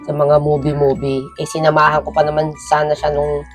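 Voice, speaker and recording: A woman with a low voice co-hosts a casual vlog. She talks to the viewers directly in a lively way and keeps her tone relaxed. Faint music plays in the background. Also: a little fast. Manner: animated, speaks directly to viewers. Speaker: vlogger co-host.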